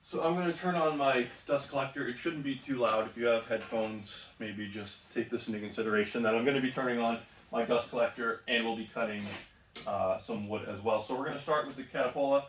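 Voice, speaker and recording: A man's voice: medium pitch, a little fast, fairly bright tone, slight background noise. Man reviewing tools in an echoey workshop. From northeast United States. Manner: easygoing, frequent ums and self-corrections. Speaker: tool reviewer. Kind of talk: casual product review. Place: home woodworking shop.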